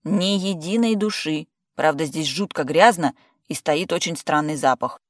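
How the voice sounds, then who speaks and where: A reader voicing a calm male friend who teases and talks matter-of-factly. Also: on the high side, normal speed, no room sound, studio quality, close to an everyday voice. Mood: teasing. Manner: teasing, matter-of-fact. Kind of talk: audiobook character voice.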